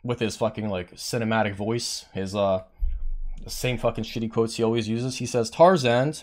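Fairly low in pitch and at an ordinary pace, a male streamer complains heatedly to his chat. He curses a lot, sounds petty, and raises his voice to quote what others said to him, even as he says he has a monotone voice.

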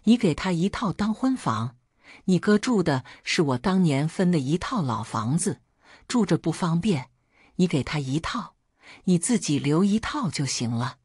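A woman's voice: low-pitched, very animated, normal speed, darkish tone, husky, no echo, studio quality, full character voice. A woman voicing a demanding, stubborn father in his seventies who scolds his daughter in a storybook reading. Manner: scolding, indignant.

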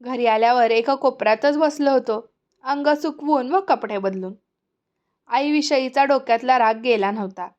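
A woman narrating a story for an audiobook in a gentle, expressive way. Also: high voice, moderate pace, lo-fi sound.

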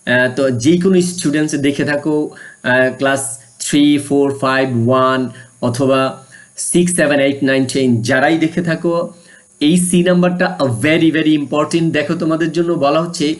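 Teacher drilling month names. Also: male voice, on the high side. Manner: repeats month names slowly for pupils to copy; mixes English phrases into Bengali explanations. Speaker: English teacher. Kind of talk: primary school English lesson.

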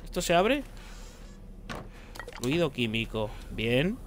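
A man's voice: mid-range voice, very animated, slow, slight background noise. A man giving casual gameplay commentary, muttering to himself, joking and swearing as he plays. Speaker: gaming streamer.

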